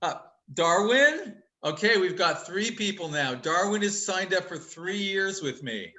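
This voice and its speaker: A man teaching a casual online college class over a video call, chatty and upbeat, quick-talking and fond of teasing his students with jokes. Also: high-pitched, expressive, pushed and bright, low-quality recording. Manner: talks quickly. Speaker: college instructor.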